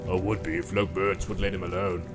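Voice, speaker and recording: A man voicing a snarling, brutal male orc captain with a growling, gravelly voice. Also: deep voice, little pitch movement, brisk, over music, pitched below the performer's own voice, close to an everyday voice. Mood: gloating.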